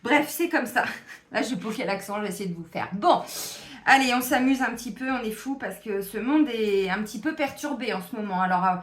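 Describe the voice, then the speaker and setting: A woman's voice: on the high side, lively intonation, fairly quick, reverberant. A woman doing a casual weekly card reading, a therapist who chats directly to her viewers with many fillers. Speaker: tarot card reader and therapist.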